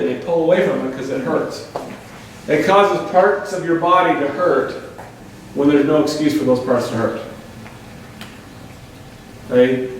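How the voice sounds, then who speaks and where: Energetic man lecturing in an echoey hall. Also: a little high. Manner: energetic, questions the audience, sarcastic asides. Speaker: chiropractor presenting a health workshop. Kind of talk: live workshop lecture. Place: large echoey room with a live audience. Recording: very echoey room, distant mic, faint noise.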